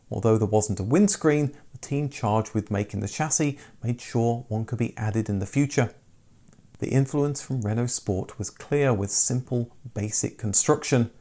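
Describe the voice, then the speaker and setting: A man's voice: mid-range voice, dark tone. A man presenting a scripted documentary as its narrator.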